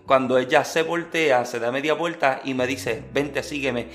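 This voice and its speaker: A man preaching, telling a personal testimony in an earnest, lively storytelling manner. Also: mid-range voice, moderate pace.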